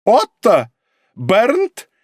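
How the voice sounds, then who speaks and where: A man voicing a shrill, jealous older German professor in an audiobook, squealing and high-strung. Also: wildly swooping pitch, very slow, no echo, studio quality, exaggerated voice. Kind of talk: audiobook character reading.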